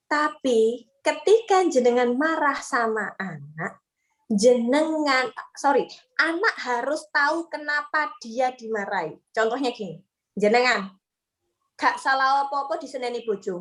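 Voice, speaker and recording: Young woman, high-pitched, lively seminar speaker. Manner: lively, mixes casual Javanese into talk, acts out quoted parents and children. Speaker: parenting speaker. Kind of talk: parenting seminar talk.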